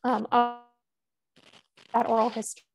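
A woman speaking as a panelist on a video call whose audio keeps dropping out, leaving her words halting and cut off. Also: a little high, monotone, gravelly, muffled recording. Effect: call dropping out, audio breaking up. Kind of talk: online panel presentation.

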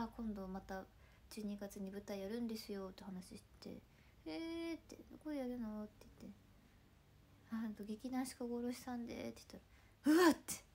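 A woman in her twenties from Ibaraki, Japan, hosting a casual livestream chat in a chatty, playful way, often dropping into soft murmured asides. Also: on the high side. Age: 20s. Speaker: idol livestream host.

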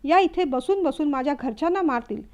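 A woman's voice: high voice, expressive, a little fast, darkish tone. A woman voicing a worn-down young wife who answers back sharply. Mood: angry.

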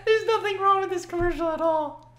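A man's voice: very high-pitched, brisk, sharp tone, soft background music. A man in his twenties reacting casually on camera, sweary, amused and full of hyperbole, speaking in a small room. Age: 20s. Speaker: reaction video host.

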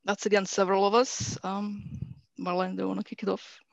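Flat-pitched woman from Croatia, creaky voice. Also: brisk. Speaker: archive transcriber, panelist. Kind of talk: conversational panel remarks. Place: indoors, on a video call. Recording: muffled, roomy video call.

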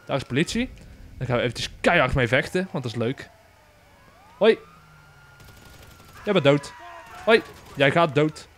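A young man with a Dutch accent giving casual gameplay commentary, excitable and swearing often, bursting into shrieks. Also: medium pitch, unhurried, long pauses, slight background noise. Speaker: gaming YouTuber.

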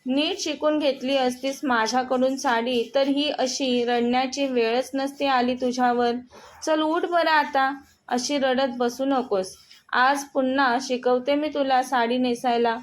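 A woman's voice: high voice, fairly even intonation. A woman voicing a young sister-in-law who scolds firmly but with care. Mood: scolding. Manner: scolding, brisk and firm.

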